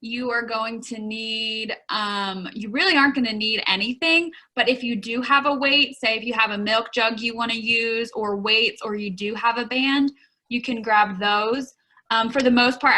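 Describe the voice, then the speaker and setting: Fairly high, bright and forceful, the voice belongs to a young woman teaching a guided workout at home. She coaches moves cheerfully and counts down, a little out of breath, in an echoing room.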